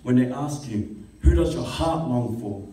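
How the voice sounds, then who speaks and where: A young man delivers spoken word poetry at an open mic, rhythmic and impassioned, his voice mellow and soft-edged. The sound comes from a camera across the room, so it carries a strong echo and a distant quality. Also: medium pitch, lively intonation, measured pace. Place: classroom with a small audience. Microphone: stand mic, filmed by a far camera.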